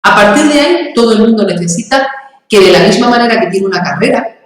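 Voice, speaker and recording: An Andalusian woman explains in an emphatic, teacherly way, with plenty of examples and questions aimed at the listener. She sits at a distance from the mic in a very echoey room, and her pitch sits mid-range. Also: animated, fast talker. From Andalusia, Spain. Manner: emphatic, didactic, uses examples and rhetorical questions. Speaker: guest, communication and public speaking trainer. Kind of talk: explanatory interview talk.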